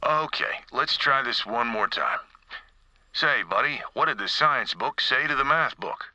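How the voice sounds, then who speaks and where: A man's voice: mid-range voice, expressive, unhurried, sharp tone, no echo, full character voice. A man voicing a sane, kind-hearted but weary character in a video game, earnest and conversational. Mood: wry.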